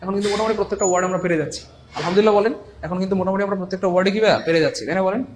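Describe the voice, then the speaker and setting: Male tutor, rapid-fire drilling, slightly high voice, faint hiss behind. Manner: quick, repetitive drilling, playful teasing of students. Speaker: English grammar teacher. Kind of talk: live online class.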